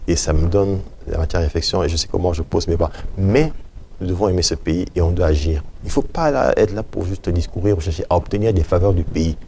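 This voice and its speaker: Emphatic Congolese man, low and quick. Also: gravelly, warm tone, a little hiss or hum. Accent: Congolese French. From Democratic Republic of the Congo. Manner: emphatic, insistent, repeats points. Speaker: guest expert. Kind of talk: studio TV interview.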